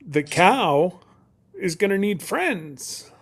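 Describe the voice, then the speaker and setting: A man's voice: high-pitched, sing-song, extremely slow. A middle-aged man chatting casually on a live stream as co-host, rambling and folksy with many restarts.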